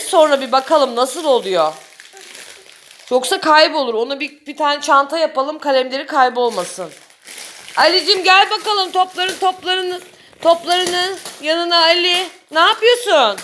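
A woman's voice: high-pitched, normal speed, a bit bright, slight background noise. A young mother talking to her small children in a casual family vlog, coaxing and cooing at them.

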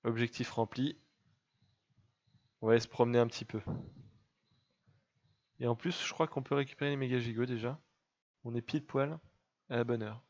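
A man's voice: medium pitch, steady tone, normal speed, pauses often, a little mellow, muffled recording. A young man giving casual gameplay commentary, chatting and teasing his game pet. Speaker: let's play gamer.

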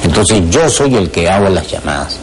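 A middle-aged former lawyer with a Peruvian Spanish accent is a guest in a television studio interview, speaking hesitantly with many fillers and repeated words. His low voice swings widely in pitch at normal speed, with slight background noise.

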